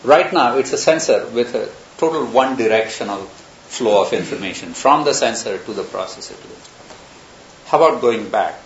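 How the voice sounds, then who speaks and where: A man's voice: medium pitch, animated, moderate pace. Man lecturing in a roomy, hissy hall. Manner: discursive, thinking aloud with examples. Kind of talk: university lecture. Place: lecture room. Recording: roomy, dull lecture recording with hiss.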